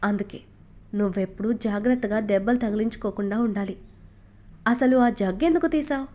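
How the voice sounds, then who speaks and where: A woman reading a novel aloud and voicing a patient father who gently soothes his little son. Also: medium pitch, a little fast, pitched below the performer's own voice, lightly acted. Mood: soothing. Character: calm, gentle father of young children.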